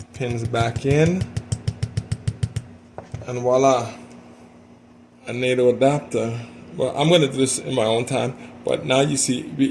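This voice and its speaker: Gravelly man rambling through a demo. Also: mid-range voice, noisy background. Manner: rambling, talks while working with his hands. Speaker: watch hobbyist demonstrating. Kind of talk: unscripted casual demonstration.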